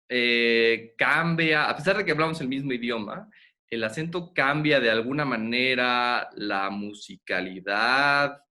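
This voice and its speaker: A man hosting a podcast, asking questions in a lively, chatty way. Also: medium pitch. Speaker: podcast host, interviewer. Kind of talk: casual interview conversation.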